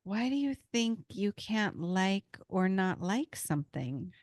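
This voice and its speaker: A woman's voice: mid-range voice, big pitch swings, slow pace, no echo, studio quality. A woman playing a curious, probing boutique owner in her forties, reading a light role-play script. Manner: inquisitive, lightly teasing.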